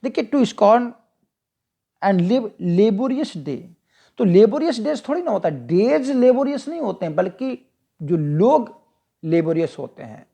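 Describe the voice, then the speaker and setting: A teacher with an Indian accent explaining exam questions. The teacher reads each English question slowly, asks it back to the listener and then answers it. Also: mid-range voice, big pitch swings, gravelly, dark tone. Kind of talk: explaining multiple-choice questions.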